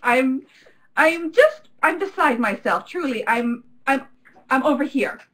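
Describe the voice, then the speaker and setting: Over-the-top hostess character done by a woman, effusive, theatrical, high-pitched voice. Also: fairly even intonation, slow pace, pushed and bright, full character voice, rough recording. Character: gushing, theatrical female alter ego hostess.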